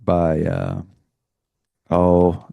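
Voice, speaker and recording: A man's voice: low-pitched, completely flat delivery, drawn-out words, vocal fry, no room sound, phone-quality sound. A middle-aged man co-hosting a podcast, telling a personal story in a rambling, earnest way with many restarts. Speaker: podcast co-host. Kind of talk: casual chat, storytelling.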